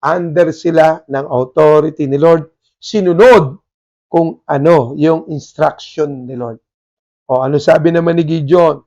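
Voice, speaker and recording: A male pastor with a Filipino accent delivers an animated sermon in a mix of Tagalog and English. His voice sits high for a man, and he keeps pressing the congregation with rhetorical questions and emphatic asides. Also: unhurried, dull audio.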